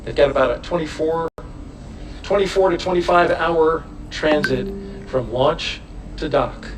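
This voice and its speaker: A man's voice: on the high side, unhurried, far from the mic, background noise. A man hosting a live broadcast with running commentary and handoffs. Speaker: broadcast host. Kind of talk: live launch coverage commentary.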